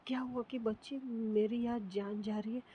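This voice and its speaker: Narrator putting on a scared, stammering young woman, high and soft-toned. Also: fairly even intonation, normal speed, slight background noise, close to an everyday voice, rough recording. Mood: upset. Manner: stammering, panicky. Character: frightened young woman, easily scared and dramatic.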